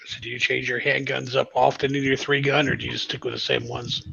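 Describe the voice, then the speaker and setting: A man's voice: mid-range voice, flat delivery, brisk, gravelly, pushed and bright, husky, dull audio. A man asking about gear and shooting matches during a casual livestream group call.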